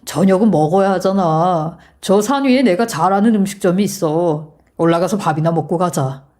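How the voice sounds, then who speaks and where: Woman doing a lower, sweet-talking scheming husband. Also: moderate pace, natural voice. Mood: gentle coaxing. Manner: soft, coaxing, sweet-talking. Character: scheming husband with a falsely tender voice. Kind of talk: scripted storytelling narration.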